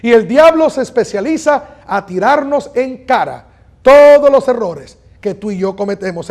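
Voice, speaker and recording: A man preaching a sermon as pastor, earnest and emphatic, repeating lines and slowing down on key phrases. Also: high-pitched, darkish tone.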